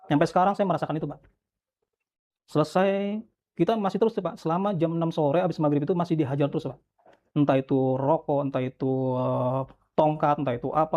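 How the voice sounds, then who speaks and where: A man speaks quickly in an earnest, halting testimony, his voice sitting a little high. He often restarts his sentences. The recording sounds dull and lo-fi. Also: warm tone. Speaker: guest recounting detention. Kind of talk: emotional testimony.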